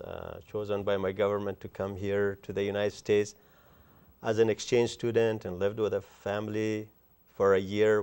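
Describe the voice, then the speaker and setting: Afghan-born guest in his sixties, earnest interview talk, low gravelly voice with a resonant edge. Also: darkish tone. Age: 60s. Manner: earnest, effusive, halting with fillers. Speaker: guest author. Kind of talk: interview conversation.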